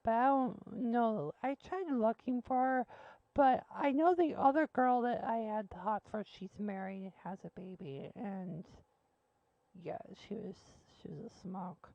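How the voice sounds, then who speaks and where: A blunt, joking woman runs a call-in show with a fairly high voice. The sound is dry and close, with no room around it. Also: unhurried, no echo, lo-fi sound. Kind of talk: casual call-in radio chat.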